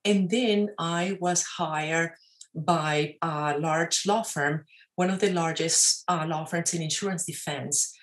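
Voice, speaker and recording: A woman's voice: low-pitched, takes it slowly. A woman in her forties from Venezuela with a Venezuelan Spanish accent, talking animatedly as a guest on a video call, gesturing and dropping frequent fillers and tag questions. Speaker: guest entrepreneur. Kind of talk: casual interview talk. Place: wood-panelled office, indoors. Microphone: webcam on a video call.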